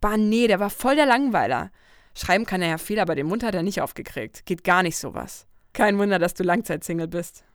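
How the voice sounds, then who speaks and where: A woman voicing a brash, teasing young female friend who talks loudly and cheekily. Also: medium pitch, expressive, a little fast, dry recording, studio quality, natural voice. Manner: loud, bubbly and cheeky.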